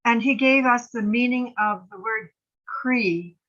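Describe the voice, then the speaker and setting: A woman in her late seventies speaking with missing front teeth, chatting effusively and haltingly on an online call. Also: on the high side, a bit bright. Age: late 70s. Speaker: participant in an online gathering. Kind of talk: casual video-call chat. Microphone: video call microphone. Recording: muffled, band-limited online call audio.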